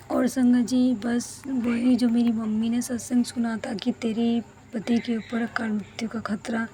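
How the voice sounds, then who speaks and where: Young female devotee, earnest testimony, higher flat voice, mellow tone. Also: slight background noise, poor audio. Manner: earnest, emotional storytelling, often addressing the congregation. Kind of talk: personal testimony.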